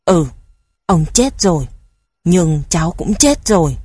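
Stern old grandpa ghost from a storybook, grave and bossy but gentle with kids, husky dry voice, a woman reading him. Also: on the low side, very animated, takes it slowly, no echo, heavily acted. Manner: grave, commanding, gentle with children.

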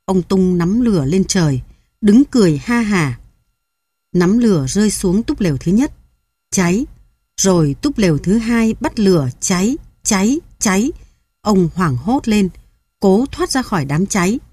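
A woman reading a short story aloud in a steady, measured storytelling voice. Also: mid-range voice, husky, no room sound. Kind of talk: audiobook narration of a short story.

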